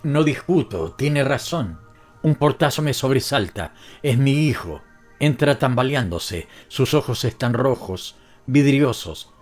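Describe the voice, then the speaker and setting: A man narrating a first-person audiobook story in a somber, measured way. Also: medium pitch, expressive, faint music behind.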